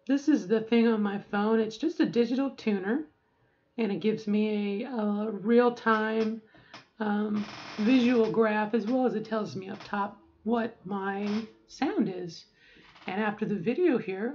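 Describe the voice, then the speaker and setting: A woman's voice: mid-range voice, a little mellow, highs cut off. A woman in her forties talking casually to camera, rambling and correcting herself as she gives advice. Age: 40s. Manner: rambling, self-correcting, chatty. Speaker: vlogger.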